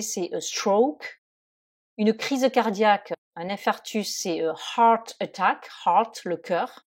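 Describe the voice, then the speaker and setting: A woman teaching English vocabulary in French, saying each word slowly and carefully, with hesitant fillers between explanations. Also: medium pitch, a little mellow. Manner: slow and deliberate, pronouncing English words carefully with pauses and fillers.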